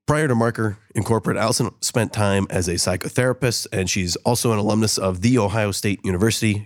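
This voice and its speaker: A man from San Diego co-hosting a podcast, hoarse from a cold, chatting casually and mocking himself. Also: lowish voice, dry recording, studio quality. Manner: quick, chatty and self-mocking. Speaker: podcast co-host. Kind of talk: casual podcast chat and show intro.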